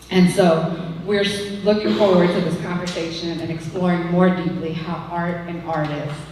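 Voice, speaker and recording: A woman giving measured prepared remarks for a foundation at a live event. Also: on the low side, darkish tone, a little hiss or hum. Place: large echoey hall. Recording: echoey hall, distant.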